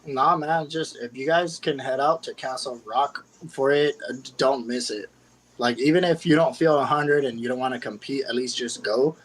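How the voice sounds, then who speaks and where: A man with an average-pitched voice, a guest in a casual podcast chat. He talks in an easygoing, slangy way. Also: normal speed, low-quality recording. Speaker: guest arm wrestler.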